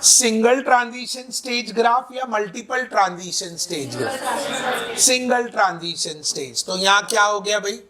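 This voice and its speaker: A man's voice: sits high, animated, moderate pace, pushed and bright. A man teaching chemistry in a classroom lecture, quizzing students with repeated questions and mixing in playful breakup jokes.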